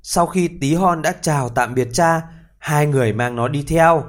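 A man narrating a fairy tale for listeners in a lively, expressive reading voice. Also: on the high side, moderate pace. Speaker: storyteller.

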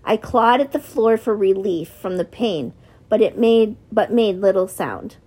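A woman's voice: mid-range voice, lively intonation, unhurried, darkish tone, breathy edge. A woman reading a novel aloud as an audiobook narrator, giving the characters slight shifts in voice.

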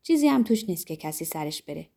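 A woman's voice: low voice, sing-song, vocal fry, warm tone, full character voice. A woman voicing a stubborn young girl insisting on having her own way. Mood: insistent. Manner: insistent, pleading.

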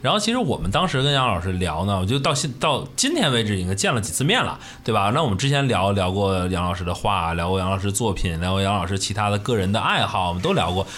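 A man's voice: on the low side, very animated, fast talker, hardly any pauses, a bit bright. A man hosting a casual radio interview in a chatty, teasing way. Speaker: radio show host.

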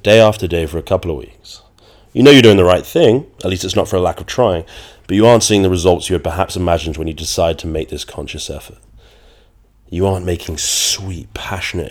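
A man with a nasal, congested voice from a cold, hosting a solo podcast in a conversational, wordy and slightly dramatic way. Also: deep voice. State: getting over a cold. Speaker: podcast host.

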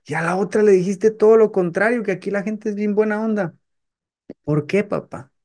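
A man's voice: high voice, normal speed, a little mellow, pitched above the performer's own voice, natural voice. A man voicing a curious seven-year-old boy who earnestly questions his father. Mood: puzzled, eager.

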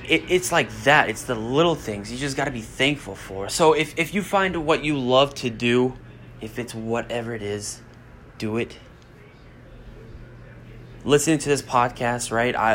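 At normal speed and in a mid-range, slightly bright voice, a young US podcast host delivers a blunt, rambling motivational monologue full of casual swearing. A little background noise can be heard.

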